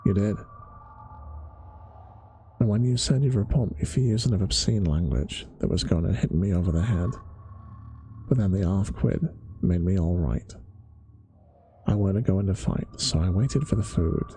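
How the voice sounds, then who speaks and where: A man doing a grumbling old zookeeper with a rough London working-class accent. The voice sits deep and gravelly, with a dark, mellow tone. He talks bluntly and slowly in dialect, told as a bedtime-story ASMR reading. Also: slight background noise. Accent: London working-class (put on). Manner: rough dialect, slow folksy telling.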